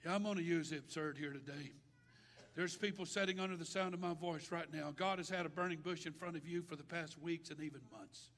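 A man preaching a sermon, swinging between shouts and hushed lines, with folksy grammar. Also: on the high side, steady tone, fairly quick. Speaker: pastor. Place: church sanctuary. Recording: long reverb of a large hall.

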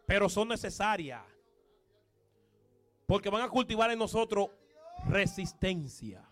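Male preacher, very high pitch, emphatic and repetitive sermon. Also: expressive, a little slow, a bit bright, soft background music. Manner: emphatic, repetitive, punchy exclamations.

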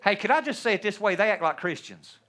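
A middle-aged man preaching a sermon in a church, folksy and humorous, swinging between loud bursts and hushed asides. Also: high-pitched, lively intonation, quick pace. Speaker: pastor. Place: church sanctuary.

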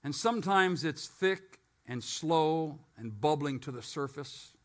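A man preaching a live sermon to a congregation, swinging from loud and emphatic to quiet and low, with joking asides. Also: animated, unhurried. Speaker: pastor.

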